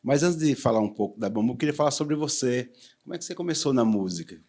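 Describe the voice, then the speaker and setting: A man from Pernambuco with a Pernambuco accent hosting a TV interview, speaking in a measured, formal way. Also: medium pitch, lively intonation, dark tone. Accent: Pernambuco Portuguese. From Arcoverde, Pernambuco, Brazil. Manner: measured, formal welcoming phrasing. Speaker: talk show host, poet.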